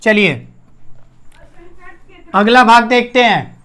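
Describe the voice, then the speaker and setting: A man explains Hindi grammar on a whiteboard as if in a classroom, taking it slowly in a high, slightly bright voice with lively intonation. He addresses the students as "bhaiya," asks them questions, and repeats each key term.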